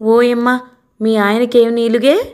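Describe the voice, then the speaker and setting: A woman voicing a blunt, sharp-tongued older sister in a novel reading. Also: a little high, flat delivery, takes it slowly. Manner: blunt, scolding.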